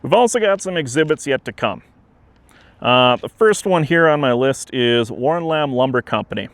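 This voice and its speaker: Speaking expressively yet plainly and with measure, a man gives an informal on-camera update as interim museum director; his voice is smooth and resonant, sitting at an average pitch. The setting is outside next to a trail, with wind and some traffic in the background. It's a dry, open recording.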